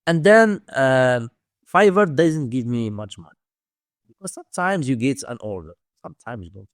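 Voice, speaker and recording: In a dry-sounding interview, a Moroccan-accented man who teaches domain investing tells stories conversationally as a guest. His mid-range voice has big pitch swings with no echo, and his non-native English is halting and repetitive.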